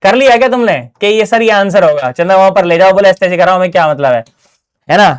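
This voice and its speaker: A man's voice: high voice, brisk, clear, resonant tone. Male physics tutor, casual and slangy, speaks straight to the students in a studio lesson. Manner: chatty, slangy, keeps asking "है ना?". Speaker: physics teacher. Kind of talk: casual online exam-prep lesson. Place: small closed studio.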